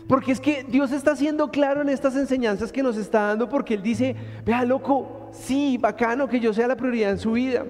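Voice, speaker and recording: High-voiced Colombian preacher in a hall. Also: male voice. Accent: Colombian Spanish. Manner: colloquial, animated storytelling. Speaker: pastor. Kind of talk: sermon. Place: church hall. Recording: hall reverb with soft instrumental music.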